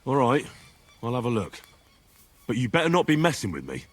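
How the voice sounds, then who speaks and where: A man's voice: mid-range voice, huge pitch swings, fairly quick, slight background noise. An actor playing a blunt, wry young male hero in a video game, dry and skeptical. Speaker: game protagonist.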